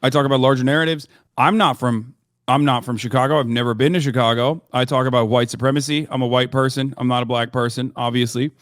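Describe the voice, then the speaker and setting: A man's voice: medium pitch, steady tone, fast talker, no room sound, clean studio sound. A man who grew up in Turkey, a commentator debating on a live stream, hesitant with many fillers and restarts, swearing now and then.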